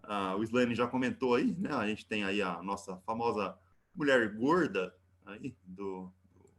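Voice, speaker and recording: Teaching physics in a live online session, a man with a Brazilian Portuguese accent jokes around, throws in teasing asides, and caps nearly every phrase with an inquiring "né?". He talks a little slowly in a fairly low voice with a fairly bright tone.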